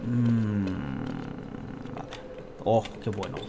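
Extremely slow and flat, a man with a lowish voice and an accent from Spain hosts a let's play in his thirties. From an indoor room at his computer, on webcam, he mutters casual, colloquial remarks to himself and viewers while gaming, with noisy game sound in the background.

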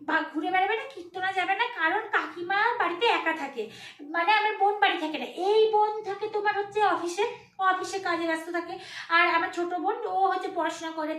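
High, fast-talking woman vlogger. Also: echoey room. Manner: animated, scolding and teasing by turns. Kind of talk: casual vlog chat addressed to viewers.

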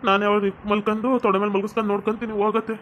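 A woman's voice: mid-range voice, flat delivery, fairly bright tone, slight background noise, close to an everyday voice, poor audio. A woman playing a guilt-ridden young husband who pleads and pities himself in a North Karnataka Kannada accent. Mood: pleading. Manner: rapid, pleading, self-pitying. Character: guilty young husband fussing over his wife.

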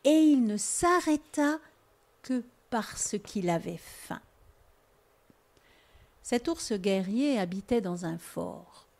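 A woman reading a children's picture book aloud as a library storyteller, with expressive, measured narration. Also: medium pitch.

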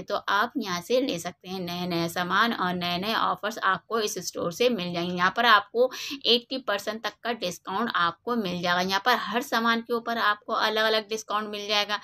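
A woman vlogger walking through a large store, narrating products and prices in a steady, repetitive way, recorded on a handheld phone. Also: mid-range voice. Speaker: shopping vlogger. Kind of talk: casual store walkthrough narration. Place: large indoor retail store.

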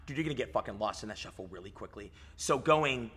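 Man, thirties, fitness coach, bright forceful voice, slightly breathy, hyped and profane, gym room with long reverb. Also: on the low side, lively intonation, fast. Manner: hyped, swearing, lots of "dude" and "like". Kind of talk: casual podcast chat. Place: gym lounge, indoors.

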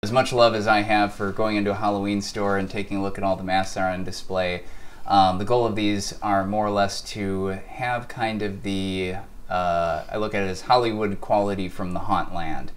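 Low-voiced man explaining in a workshop. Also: fairly even intonation. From Wisconsin. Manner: measured, many fillers. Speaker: mask company owner and artist. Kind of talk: interview, explaining products. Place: workshop showroom, indoors.

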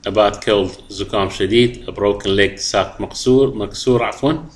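A middle-aged Iraqi man with a fairly low voice and an Iraqi Arabic accent is teaching a lesson. He reads English phrases out slowly and deliberately, then explains what they mean.

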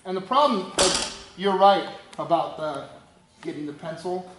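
A man's voice: high-pitched, normal speed, fairly bright tone, reverberant, a little hiss or hum, rough recording. A man coaching a lift in a gym, walking through the steps with short cues. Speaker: strength coach. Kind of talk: instructional demonstration.

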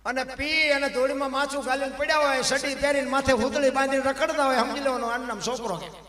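A man telling a devotional folk story, preaching to his listeners and rising to loud, emphatic peaks. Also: very high voice, fairly even intonation, quick pace. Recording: echoey hall with long reverb from live stage.

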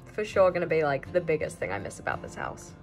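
A woman's voice: low-pitched, huge pitch swings, quick pace, soft background music. A young woman gives a casual, chatty tour of her house with wry asides, filmed on a phone at arm's length. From New Zealand. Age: young adult. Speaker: vlogger. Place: house, indoors, moving room to room. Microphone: phone held at arm's length.

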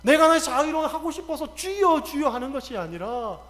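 High-voiced Korean pastor preaching in a reverberant hall. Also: male voice, sing-song, a little fast. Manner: dramatic storytelling with acted quotes and shouts. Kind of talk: sermon. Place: church sanctuary. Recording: long church hall reverb.

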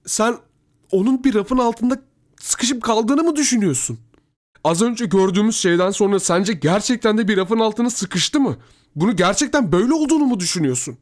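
A man's voice: on the high side, expressive, moderate pace, pitched above the performer's own voice, natural voice. A panicky pleading young woman, put on by a man.

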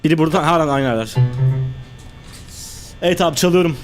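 A man's voice: fairly high pitch, fast, over music. A young man live-streaming a horror game, reacting tensely and chatting with his viewers.

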